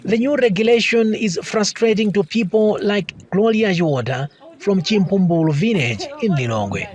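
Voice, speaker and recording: A man's voice: sits high, lively intonation, moderate pace. A man reporting a news story as scripted narration.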